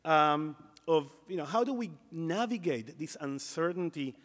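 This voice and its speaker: A man's voice: fairly high pitch, lively intonation, measured pace, fairly bright tone. A middle-aged man giving an earnest conference keynote from a podium on a hall stage, with emphatic delivery and frequent restarts. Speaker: CEO giving a conference address. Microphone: podium microphone.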